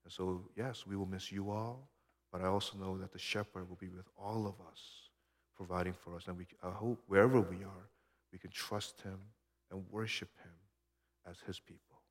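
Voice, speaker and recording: A man from Korea, around his thirties, giving a sermon as a pastor in an earnest, conversational way that often drops to a soft hush. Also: sits low, fairly even intonation, moderate pace. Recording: long hall reverb.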